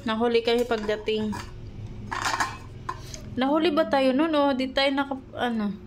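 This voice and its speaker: A young woman talks casually into her phone at home, her voice sitting fairly high. She rambles and searches for words, filling gaps with little pauses, and sounds slightly out of breath. A faint hiss runs under the recording. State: pregnant, short of breath. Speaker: vlogger. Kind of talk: casual chat vlog.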